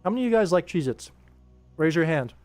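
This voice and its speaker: With music in the background, this male animator hosts a livestream, talking fast with lively intonation in a slightly high, darkish voice. The audio has no room sound, and he answers viewers and explains his work in an easygoing manner while working.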